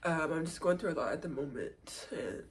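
A vlogger talking to the camera while fighting back tears, speaking haltingly with many pauses and fillers, and sometimes dropping into a whisper. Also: mid-range voice, expressive. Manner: drops into soft whispers at times. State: tearful, holding back crying. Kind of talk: personal vlog, talking to camera.

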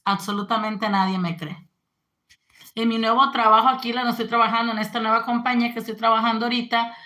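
Bright-voiced chatty woman in her forties. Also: on the high side. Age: 40s. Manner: chatty, greets viewers, reads out comments. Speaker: live-stream host. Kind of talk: casual live-stream chat.

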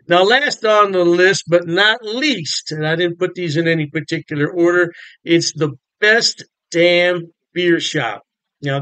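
A man's voice: fairly high pitch, pushed and bright, dry recording, rough recording. An older American man chatting to the camera about beer from his home bar room, folksy and enthusiastic. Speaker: beer vlogger. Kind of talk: casual talk to camera.

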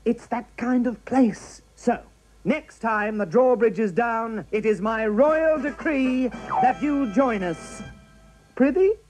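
A man's voice: very high voice, takes it slowly, a little mellow. A man voicing a cheerful, grand royal king as the announcer in a scripted commercial, speaking in a theatrical, mock-archaic way. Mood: grand, inviting. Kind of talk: scripted ad voiceover. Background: music.

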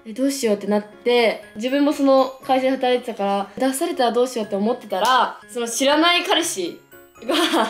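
A woman's voice: sits high, fast talker. Slangy young woman chatting in echoey room. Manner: chatty slangy young woman, lively storytelling with playful exaggeration. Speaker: vlogger. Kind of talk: casual chat to camera. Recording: echoey room with faint music. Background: faint background music.

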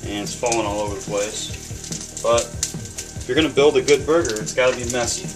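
A man in his thirties chats casually to his webcam while cooking in his home kitchen, rambling with plenty of ums and swearing freely. His voice is medium-pitched and a little fast, with music in the background and a rough recording from the webcam mic.

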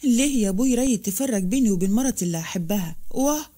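A woman playing a young Upper Egyptian husband who defies his father and protests in a rapid rush of words. The voice stays mellow and soft-edged, like a storybook reading. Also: on the high side, expressive. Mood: protesting. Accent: Upper Egyptian Arabic. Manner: pleading, protesting.

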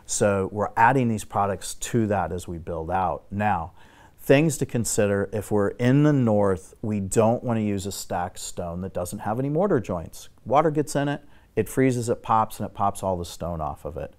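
A middle-aged man with a fairly low voice walks through building repair, point by point, in a steady, technical tone. He talks as a guest on a studio talk show set. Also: moderate pace. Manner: steady, technical, instructive explaining. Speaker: exterior building expert guest. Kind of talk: explanatory talk show conversation.

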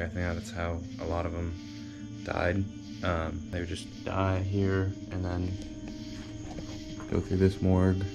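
A man in his twenties giving casual, low-key, musing vlog narration to camera while exploring. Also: creaky. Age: 20s. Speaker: urban exploration vlogger. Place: abandoned derelict building and its grounds. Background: music.

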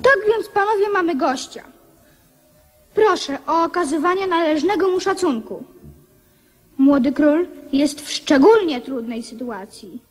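A woman's voice: high-pitched, animated, a little slow, low-quality recording. An actress playing an earnest, resolute young boy king in a radio drama, with a solemn, declarative manner. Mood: formal, composed.

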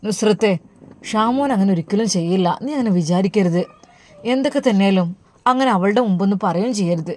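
A woman voicing a calm, devout middle-aged father who speaks soothingly. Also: mid-range voice, fast, pitched below the performer's own voice, lightly acted. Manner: soothing, reasoning.

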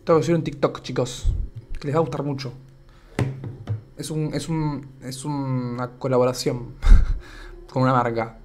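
A man's voice: mid-range voice, little pitch movement, measured pace, long pauses, slight background noise. A young man with an Argentine accent, chatting casually on a live stream and reading comments aloud, his voice a bit worn out. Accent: Argentine Spanish. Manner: chatty, rambling, reads chat aloud.

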